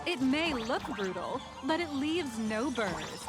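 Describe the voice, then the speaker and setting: A high-pitched, upbeat female demonstrator from a video game. She guides and sells like a polished commercial, grand and persuasive, with music clearly behind her. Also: sing-song, slow pace, full character voice. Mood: salesy. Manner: smooth ad-read delivery, grandly persuasive. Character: polished, upbeat female toy-company demonstrator guiding assembly. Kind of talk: scripted sales-pitch video game acting.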